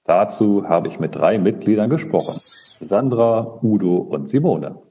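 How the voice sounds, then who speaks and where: A man hosting a podcast, with a lively, expressive delivery. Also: lowish voice, unhurried, highs cut off. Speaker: podcast host, social counselor. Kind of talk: podcast moderation.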